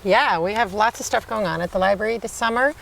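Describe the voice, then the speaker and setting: A woman speaking informally as an interview guest, explaining things in a halting, informative way. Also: mid-range voice, gravelly, fairly bright tone, rough recording. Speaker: assistant librarian, interview guest.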